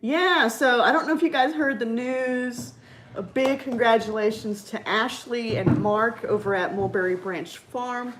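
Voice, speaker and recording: A woman's voice: fairly high pitch, unhurried, background noise. A middle-aged woman with a Californian accent chatting casually on a livestream, peppering her talk with "like" and "you know". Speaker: livestream host. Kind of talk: casual live chat with viewers.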